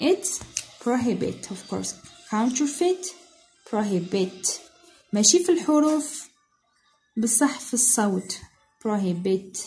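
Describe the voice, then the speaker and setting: Algerian woman teacher, slow deliberate drilling, mellow and a little high. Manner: slow, drawn-out word-by-word drilling. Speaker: English teacher. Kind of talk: explaining English pronunciation in Algerian Arabic and French.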